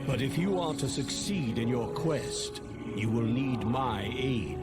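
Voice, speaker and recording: An actor playing Zeus, the mighty older king of the gods, giving slow, solemn, commanding proclamations in a video game. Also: mid-range voice.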